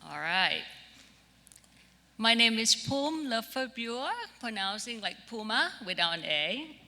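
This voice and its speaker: A middle-aged woman from Bangkok, Thailand, speaking with a Thai accent, gives an informal, conversational conference keynote built on personal stories. A creative director, she speaks slowly in a slightly high, sing-song voice with a sharp tone. She's on a large auditorium stage, and the recording carries a long, reverberant echo.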